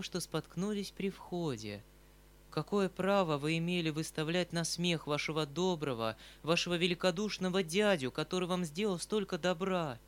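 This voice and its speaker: A man's voice: a little high, natural voice. A man reading aloud, voicing the lines of an earnest, proud young woman in a scripted audiobook narration. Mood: stern.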